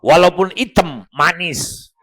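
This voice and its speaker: A motivational speaker with a fairly high, slightly bright voice delivers a humorous religious talk at a slow pace. He jokes with his audience and coaches them one by one.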